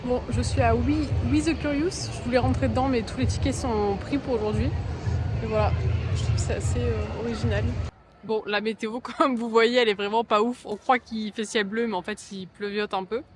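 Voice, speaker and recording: A woman's voice: fairly high pitch, fairly even intonation, fairly quick, over music, rough recording. A woman casually chatting through a travel vlog while walking around a city, filming on a handheld phone, easygoing, with many fillers. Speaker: travel vlogger. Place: outdoors in a city, partly on a bus.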